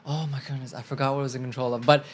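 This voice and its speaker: A relaxed young man from Thailand, a native Thai speaker, answers casual interview questions as a guest actor. His mid-range voice moves very fast as he chats and thinks out loud, full of fillers.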